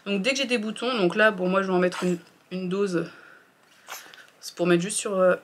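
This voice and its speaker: A woman's voice: mid-range voice, fairly even intonation, moderate pace, slight background noise. A woman, chatting casually through her skincare routine in a candid, rambling way with lots of fillers. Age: 30s. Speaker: beauty vlogger.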